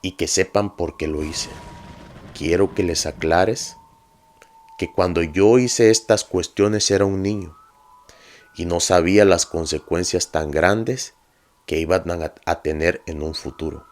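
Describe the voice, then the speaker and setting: Man voicing a troubled young man haunted by nightmares; low, slow, earnest, pleading.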